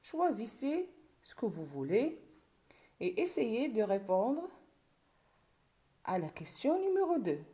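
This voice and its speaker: A woman's voice: a little high, very animated, mellow. A woman teaching a primary school class, addressing her pupils and breaking words into syllables one by one. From Morocco. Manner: slow, syllable-by-syllable instruction. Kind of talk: classroom video lesson.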